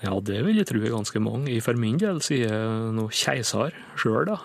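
A man as a radio dialect expert, answering listener questions in a measured, explanatory way with frequent pauses. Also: fairly low pitch, very animated, creaky.

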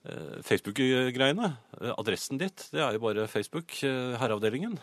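Deadpan radio host. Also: male voice, medium pitch, no echo, studio quality. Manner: deadpan, hesitant storytelling. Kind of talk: comedic radio banter. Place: radio studio. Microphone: studio microphone.

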